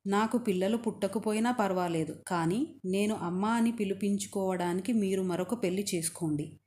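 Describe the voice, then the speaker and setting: A resentful older wife broods over her rival, read by a woman storyteller. Her voice is mellow and soft, at a middle pitch. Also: moderate pace, slight background noise, lightly acted. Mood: brooding. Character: jealous older wife, plaintive then scheming.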